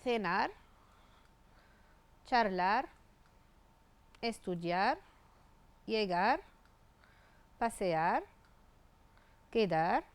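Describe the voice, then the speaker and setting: A woman teaching Spanish grammar, reading out verb forms one by one and spelling out the endings. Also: medium pitch. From Tunisia. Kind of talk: grammar lesson.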